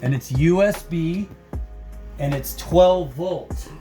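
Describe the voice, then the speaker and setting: A man's voice: on the high side, slow, music in the background. A man hosting a casual DIY tutorial, chatty and jokey as he explains each step. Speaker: host mechanic.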